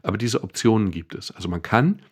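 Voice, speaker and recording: Here a man co-hosting a podcast talks fast, his fairly low voice lively in intonation and edged with breathiness. He goes into thoughtful, lengthy explanations, laced with dry humor, in a casual conversational way.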